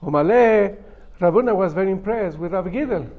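High-voiced New man teaching. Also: animated, fairly quick, highs cut off. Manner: emphatic, repeats and explains step by step. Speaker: rabbi teaching a Talmud class. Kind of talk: religious lesson, reading and translating a text phrase by phrase.

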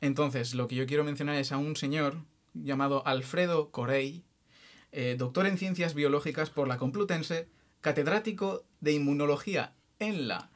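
A man's voice: a little high, normal speed. A man talks through a science topic on a casual podcast. He jokes along the way and stumbles into restarts as he explains. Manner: jokey, restarts often while explaining.

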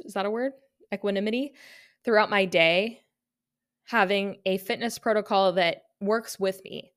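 Smooth-voiced woman hosting a solo podcast. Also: medium pitch, fairly bright tone. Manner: reflective, earnest and upbeat. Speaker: podcast host.

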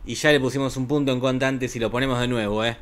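A man with an Argentine accent and a middle-pitched voice hosts a casual podcast. He talks in a relaxed, unhurried way, filling pauses with hesitant fillers. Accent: Argentine Spanish. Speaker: podcast host. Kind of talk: casual chat.

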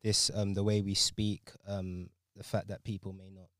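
A man's voice: deep voice, flat delivery, moderate pace, fairly bright tone, dry recording, studio quality. A young man, speaking casually in a group discussion.

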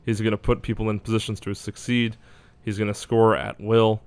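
A man's voice: lowish voice, little pitch movement, normal speed, a little mellow, clean tone, no echo. A man talking casually as a basketball draft analyst, hedging and thinking aloud as he goes. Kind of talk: casual sports discussion.

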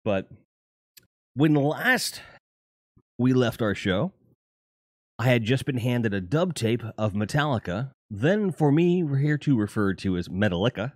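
A middle-aged man hosts a livestream, chatting casually with viewers in a rambling, profane way. His pitch sits in the middle range. The sound is dry and close, with no room echo. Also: big pitch swings, unhurried, pauses often, a little mellow. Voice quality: profane, rambling, self-correcting. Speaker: livestream host. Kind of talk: casual chat.

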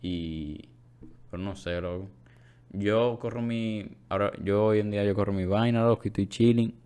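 A man's voice: lowish voice, steady tone, moderate pace, dark tone, clear, resonant tone. A young man with a Dominican accent chatting casually with friends in slangy speech sprinkled with English words. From Dominican Republic. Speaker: podcast co-host.

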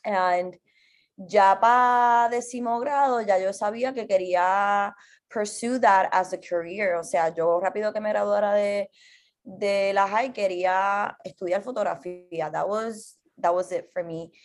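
A woman in her twenties with a Puerto Rican accent, a guest on a casual podcast interview, who talks in a relaxed way and switches languages within sentences. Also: mid-range voice, measured pace. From Puerto Rico. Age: 20s. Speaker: guest artist.

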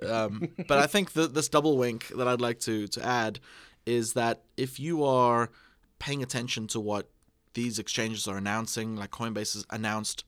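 A man's voice: medium pitch, steady tone, moderate pace, a bit bright, clear, resonant tone, no echo. A man co-hosting a casual podcast, talking in a rambling way with restarts and laughs. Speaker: podcast co-host.

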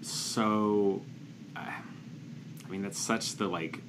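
A young man co-hosts a podcast, chatting casually about a movie while hesitating, stumbling over restarts and sounding apologetic. His voice is fairly low and steady, and he speaks extremely slowly. The background is noisy.

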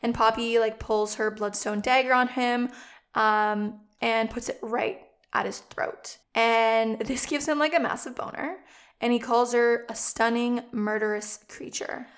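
A young woman casually recapping a book's plot to a co-host, in a relaxed storytelling way. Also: fairly high pitch, measured pace.

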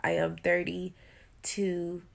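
A woman in her thirties talks through her first solo podcast in a loose, rambling way. Her voice sits low for a woman, with a gravelly fry, and it sounds stuffy and nasal from congestion. She laughs easily and keeps talking. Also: monotone, extremely slow. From Buffalo, New York. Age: 30s. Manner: chatty, rambling, laughs often. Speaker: podcast host. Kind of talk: casual solo podcast monologue.

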